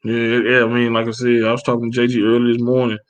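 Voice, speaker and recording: A man co-hosting a casual boxing chat, profane and animated, acting out quotes as he tells stories. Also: medium pitch, fast. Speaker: podcast co-host.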